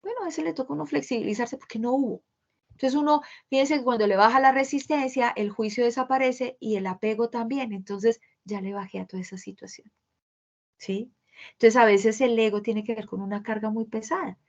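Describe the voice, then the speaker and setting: A woman's voice: fairly high pitch, a little fast. A woman with a Colombian accent giving an online workplace training session, explaining patiently and checking in with her listeners after nearly every point. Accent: Colombian Spanish. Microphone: video call. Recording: dull lo-fi video call audio.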